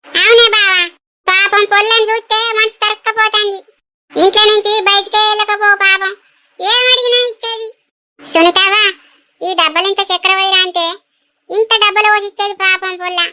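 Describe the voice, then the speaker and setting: A woman voicing an old village grandmother in a cartoon, speaking in a shrill, wailing lament. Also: steady tone, moderate pace, pushed and bright. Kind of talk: cartoon voice acting.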